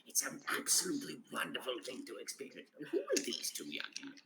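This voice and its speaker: A man's voice: medium pitch, wildly swooping pitch, a little fast, creaky, whispered, voice pushed up, poor audio. Grumbly, rambling ancient woodsman. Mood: grumbly, marvelling. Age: very old. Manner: rambling, grumbly, forgetful old-man delivery. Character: ancient rambling eccentric old woodsman storyteller, male. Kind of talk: in-character tabletop role-play storytelling.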